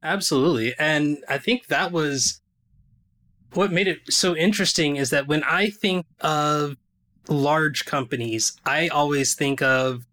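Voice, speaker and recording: A man's voice: a little high, pushed and bright. A young adult man hosting a podcast, chatting casually with a guest and laughing now and then. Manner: casual, laughs often, quick asides. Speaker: podcast host.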